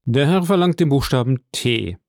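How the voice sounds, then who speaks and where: A man's voice: mid-range voice, lively intonation, moderate pace, darkish tone, dry recording, clean studio sound, lightly acted. A man voicing an eager, long-winded male notary in a read-aloud story, formal in his speech. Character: eager, wordy middle-aged male notary.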